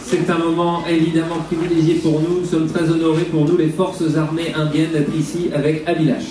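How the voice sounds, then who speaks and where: A man's voice: fairly high pitch, little pitch movement, fast talker, a little mellow. A man with a French accent presenting and interpreting live for an audience. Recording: very echoey noisy venue, crowd, distant mic.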